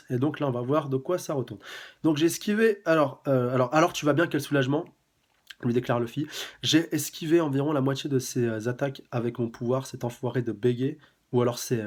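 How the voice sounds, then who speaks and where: A man giving a casual live review of a comic chapter, reading its dialogue aloud in a chatty, halting way with many fillers. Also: mid-range voice, darkish tone. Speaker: manga reviewer.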